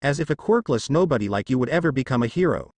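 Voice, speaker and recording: A man's voice: mid-range voice, lively intonation, fast talker, no echo. A man voicing an aggressive, mocking young bully in a narrated fan story. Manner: yelling, mocking. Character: angry spiky-haired bully boy, mocking and aggressive.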